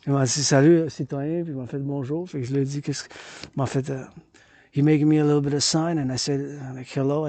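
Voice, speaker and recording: A man with a Québécois French accent, rambling excitedly while walking outdoors and filming a vlog, mixing French and English. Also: mid-range voice, creaky, slightly rough. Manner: loose and excitable, switches between French and English. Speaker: vlogger. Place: outdoors on a mountain path.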